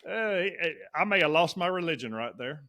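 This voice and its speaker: Bright rambling man telling stories. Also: on the high side, lively intonation, brisk. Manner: rambling storyteller, Southern turns of phrase. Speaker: podcast co-host. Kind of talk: casual chat.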